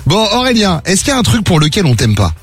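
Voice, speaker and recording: A man in his fifties hosts a morning radio show at a brisk pace, his voice swinging widely up and down. He jokes and teases the callers. Faint music plays under him. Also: sits high, big pitch swings. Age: 50s. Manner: joking, teasing and quick. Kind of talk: lively radio talk with callers.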